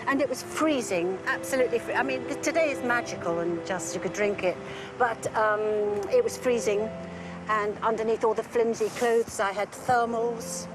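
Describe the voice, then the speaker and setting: A woman's voice: a little high, moderate pace, music in the background, low-quality recording. A woman reminiscing about a film shoot in an interview, chatty and rambling. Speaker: actress recalling a film shoot.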